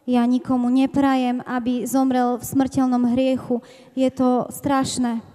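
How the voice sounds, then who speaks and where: A woman interprets a testimony live, speaking in a flat, even tone. Her voice is mellow and a little high. She hesitates often, filling gaps while she hunts for the right word. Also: takes it slowly. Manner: hesitant, with frequent filler sounds while searching for words. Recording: reverberant large hall.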